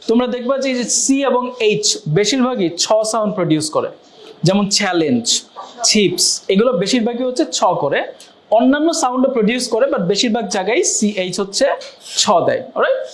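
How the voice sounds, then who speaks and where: An English teacher leading a classroom lesson in call-and-response drills, mixing English phrases into the talk. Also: mid-range voice. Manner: mixes Bengali with English phrases.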